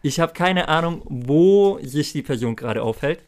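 A man's voice: a little high, brisk, a bit bright. A man co-hosting a podcast, making a casual, hyped giveaway announcement in enthusiastic, slangy talk. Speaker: podcast co-host.

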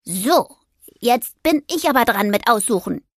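A woman's voice: on the high side, lively intonation, unhurried, a bit bright, no echo, studio quality, heavily acted. A woman voicing a small, round, boastful male toy creature in a children's audio story, pleased with himself. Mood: proud.

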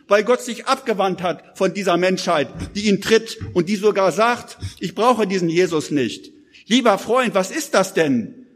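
A man's voice: high voice, fairly bright tone, in a large hall. A man preaching a live sermon, urgent and emphatic, speaking straight to his listeners. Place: church hall with audience.

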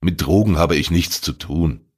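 A man's voice: deep voice, moderate pace, darkish tone, husky. A man reading a crime story voices a teenage boy who pleads and eagerly justifies himself. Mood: defensive. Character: teenage boy, defensive and talkative.

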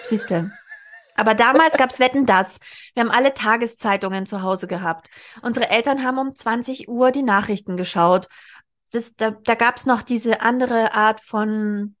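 Her voice is on the high side and fairly bright, at a normal speed. She's a book podcast host in her forties, casually explaining and musing aloud in conversation with a co-host.

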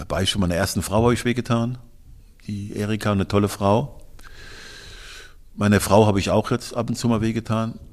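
A man's voice: on the low side, steady tone, moderate pace, pauses often. A man in his sixties, a guest in a casual interview, talking in a blunt, colloquial and emphatic way with some crude slang. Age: 60s.

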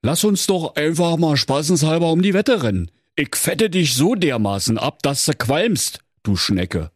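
A scheming male Mettigel from a comic radio fairy tale, as a man puts him on, talking in broad Berlin slang. He sounds smug and sly, his voice pitched a bit above normal with lively turns. It is recorded dry and close. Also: measured pace, dry recording.

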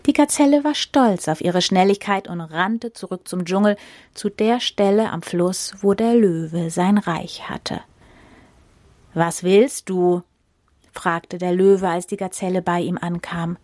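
A woman reading a fairy tale aloud for a podcast in a calm, measured storytelling voice. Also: lowish voice, no echo.

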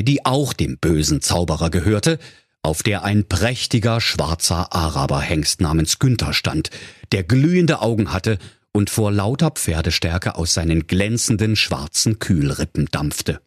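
A man narrating a comic fairy tale with playful, lively storytelling and a pitch that rises and falls freely. His voice sits mid-range, and the recording is close and dry with no room sound. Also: a little slow, husky, no room sound.

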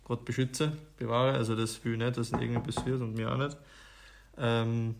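A man co-hosting a casual podcast chat, speaking in a calm, measured way. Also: medium pitch, gravelly. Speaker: podcast co-host.

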